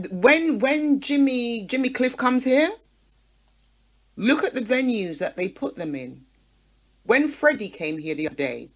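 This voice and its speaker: The sound is lo-fi, carrying a medium-pitched woman's voice from the Caribbean community in the UK. As a radio talk show guest, she joins a passionate, conversational discussion, emphatic and quick to throw in rhetorical questions.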